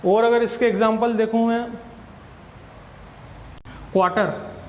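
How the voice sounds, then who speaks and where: A high-voiced male teacher explains a spoken English grammar lesson in Hindi, patiently repeating each point and answering his own questions. The recording has a long echoing reverb with faint hiss underneath. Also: fairly even intonation, takes it slowly, a little mellow.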